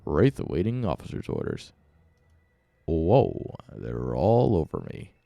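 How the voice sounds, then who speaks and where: A man voicing a wraith starfighter pilot from a video game in a put-on deep, military-style voice. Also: huge pitch swings, takes it slowly, gravelly, warm tone, no echo, heavily acted. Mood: mock military drama.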